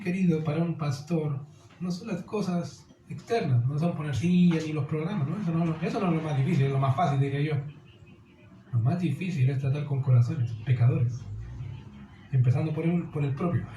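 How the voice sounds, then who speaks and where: Earnest pastor preaching in an echoey hall. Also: male voice, on the high side, moderate pace, dark tone, dull audio. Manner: earnest preaching, calls listeners "dear", asks rhetorical questions. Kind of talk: sermon. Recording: echoey hall with faint noise.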